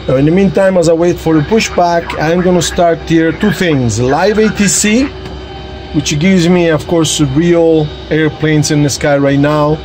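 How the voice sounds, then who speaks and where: A man's voice: a little high, measured pace, pauses often. Chatty man showing his home flight simulator. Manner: chatty, addresses viewers directly. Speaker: flight sim hobbyist host. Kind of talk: casual tutorial walkthrough. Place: home cockpit simulator room. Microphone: phone camera held or mounted nearby.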